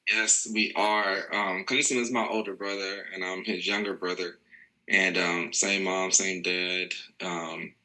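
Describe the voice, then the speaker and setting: A man's voice: deep voice, flat delivery, unhurried, pushed and bright, low-quality recording. A man from Tennessee, a podcast guest who talks in a friendly way with hesitant fillers. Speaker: interview guest, nonprofit vice chair. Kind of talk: casual interview chat.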